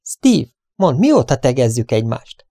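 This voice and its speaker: A man's voice: medium pitch, big pitch swings, warm tone, dry recording, clean studio sound, voice pushed up. A man voicing a cheerful young woman from a western storybook, with a teasing, laughing manner.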